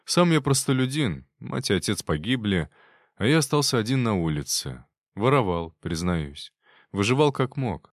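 A man voicing a frightened young male servant who confesses in a halting, hesitant way, read as an audiobook character. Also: mid-range voice, dry recording, studio quality, natural voice.

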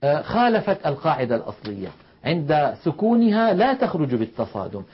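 A man teaching Quranic recitation rules, explaining slowly and demonstrating sounds aloud. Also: on the high side, sing-song, slightly rough. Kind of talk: televised tajweed lesson. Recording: dull lo-fi broadcast audio.

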